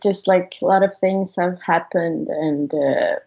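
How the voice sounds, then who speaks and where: A woman's voice: on the low side, steady tone. Young woman, hesitant on a tinny phone line. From Sweden. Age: 20s. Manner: hesitant, halting, trailing off with fillers. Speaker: musician guest. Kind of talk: phone interview.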